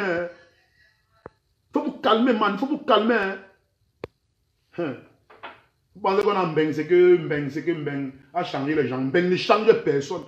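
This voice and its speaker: Cameroonian man, Camfranglais-laced French, high voice, menacing social-media rant in a roomy echo. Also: a bit bright. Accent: Cameroonian French, mixing in Camfranglais. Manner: threatening, heated, keeps repeating "man" and "vrai".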